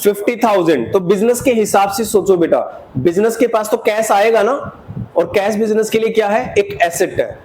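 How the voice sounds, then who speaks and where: A man's voice: sits high, moderate pace, a little mellow. A male accountancy teacher giving a classroom lecture, asking his students questions, answering them himself, and calling them "beta" as he mixes English accounting terms into his talk.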